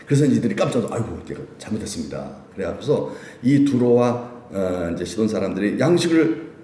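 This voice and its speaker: A man's voice: medium pitch, animated, brisk, mellow, echoey room, distant mic, a little hiss or hum. A male pastor giving a chatty sermon at a midweek prayer meeting, putting many questions to his listeners. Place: church sanctuary.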